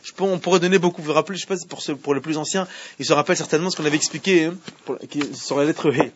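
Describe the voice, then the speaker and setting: Racing along in a voice on the high side, a man teaches a Torah class in French, reading aloud in Hebrew, against a noisy background. He keeps questioning his students and repeating explanations, and the classroom recording is muffled and lo-fi.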